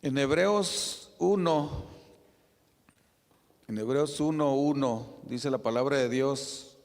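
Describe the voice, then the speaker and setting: A man preaching a sermon as pastor, in a conversational style with frequent tag questions and soft asides. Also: medium pitch, takes it slowly. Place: church sanctuary. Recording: reverberant church hall.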